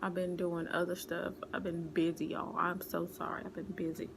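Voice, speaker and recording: A young woman talks to her viewers in a hushed, whispery voice, casual and chatty, sprinkling in y'all. There's a steady hiss of background noise behind her in a home recording. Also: lowish voice, moderate pace, gravelly. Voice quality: whispery, soft-spoken. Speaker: vlogger. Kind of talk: casual mukbang chat.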